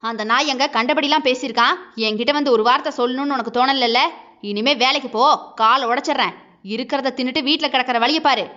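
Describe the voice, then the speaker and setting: A woman's voice: high-pitched, brisk, pushed and bright. A woman voicing an angry, controlling husband who talks harshly and dismissively, in a dull lo-fi recording. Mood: scolding.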